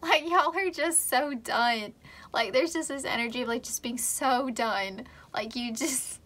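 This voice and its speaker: Young woman chatting thru a tarot reading, lots of likes and you knows, bright kinda high voice. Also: measured pace. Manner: chatty, rambling, laughs often, many fillers. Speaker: tarot reader. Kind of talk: casual pick-a-card tarot reading.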